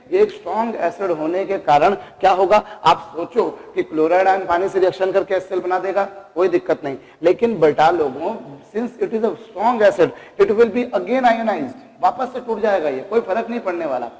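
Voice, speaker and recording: A male chemistry teacher with a high, darkish voice lectures his class, pausing to pose rhetorical questions and calling his students kids. A long reverb hangs on the sound, as if recorded in a hard classroom.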